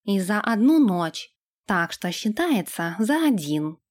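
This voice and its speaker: A hot-headed young cat-shifter in a fantasy storybook, brusque and quick to bristle, voiced by a woman reader. He talks in short, blunt bursts. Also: medium pitch, sing-song.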